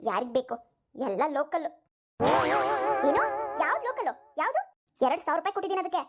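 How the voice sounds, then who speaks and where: A woman's voice: extremely high pitch, big pitch swings, brisk, faint music behind. A woman voicing a vain, quarrelsome young daughter-in-law in a cartoon. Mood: indignant. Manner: accusing, indignant. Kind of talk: cartoon voice acting.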